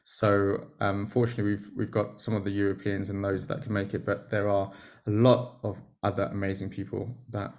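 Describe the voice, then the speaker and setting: A man hosting a live video call, presenting in a relaxed, chatty way. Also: fairly low pitch, a little fast, hardly any pauses. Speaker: host.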